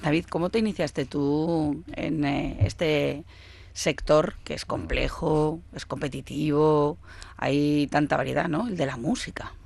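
A woman's voice: low-pitched, fairly even intonation, measured pace, vocal fry, darkish tone. A woman hosting a radio interview, chatty and upbeat, encouraging her guest. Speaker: radio host.

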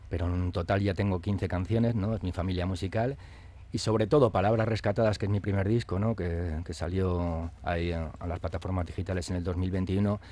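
A man's voice: sits low, warm tone. A man, a singer-songwriter being interviewed, speaking reflectively and often tagging his phrases with a question. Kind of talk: radio interview.

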